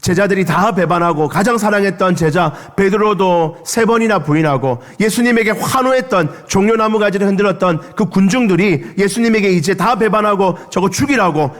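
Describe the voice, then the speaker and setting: A man preaching a Sunday sermon as pastor in a church, impassioned, rising and falling sharply in pitch and loudness as he leads the congregation in reading aloud. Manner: impassioned, with dramatic swings of pitch and level. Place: church sanctuary. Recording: long church reverb.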